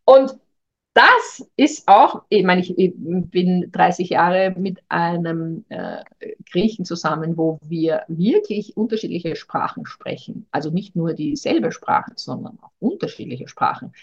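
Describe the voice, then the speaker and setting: A middle-aged woman with a fairly low, lively voice speaks at a measured pace, giving reflective advice as a communication coach. She sounds thoughtful and a little hesitant, talking directly to the listener, and the recording is dull and lo-fi.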